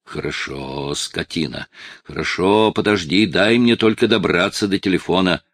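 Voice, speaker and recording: A man voicing a desperate, tearful eighteen-year-old male addict who shouts and pleads with his father, in a dry, close recording. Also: deep voice, normal speed, dry recording. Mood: agitated.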